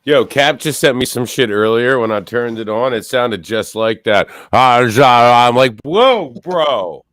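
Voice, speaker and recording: A man on a podcast, chiming in casually with jokes and quick remarks. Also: medium pitch, a bit bright, dry recording, studio quality. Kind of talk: casual chat.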